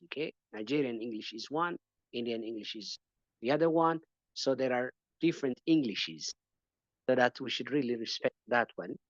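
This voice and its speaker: A man's voice: mid-range voice, a bit bright, no echo, dull audio. A man from Ethiopia answering questions as a panelist in an online teaching webinar, talking hesitantly with many fillers and repeated words.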